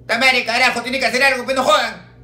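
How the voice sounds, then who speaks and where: A man voicing an outraged Argentine churchgoer who rants and swears in a loud, rising voice. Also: very high-pitched, fairly even intonation, fast, reverberant, pitched above the performer's own voice, exaggerated voice. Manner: shouting, rising rant. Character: furious male Argentine churchgoer, ranting and swearing.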